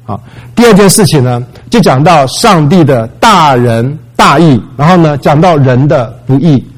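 A man delivers a sermon in a chatty, conversational way. He drops English words into his talk. His voice sits a little high for a man. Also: lively intonation, normal speed, poor audio. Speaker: preacher.

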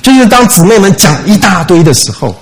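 A man preaches to his congregation in a fairly high voice. He retells the story with lively rhetorical questions and slips English words into his speech. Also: brisk, poor audio. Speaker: pastor. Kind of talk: sermon.

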